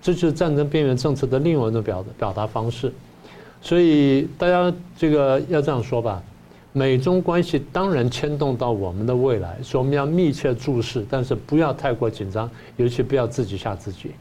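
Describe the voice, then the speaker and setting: An older man speaks quickly as a professor guest on a political talk show. His voice is dark and mellow, and he argues by playing out each side's lines himself. He keeps an animated, rapid rhythm throughout. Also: medium pitch, a little hiss or hum. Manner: animated, acts out both sides in the first person.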